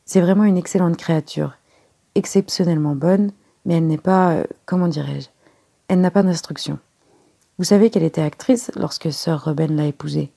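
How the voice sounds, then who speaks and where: An earnest, guarded young woman in an audiobook, read by a woman in her own voice. Her tone is low and mellow, with a gravelly, husky texture. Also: a little fast. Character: young woman secretary, poised, elegant, reserved. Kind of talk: audiobook character reading.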